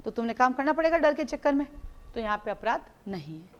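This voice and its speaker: A woman teaching a live law class, explaining through lively everyday stories, mixing Hindi with English legal terms and repeating key points for students to note. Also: high-pitched, fast talker, lo-fi sound. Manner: animated storytelling with everyday examples.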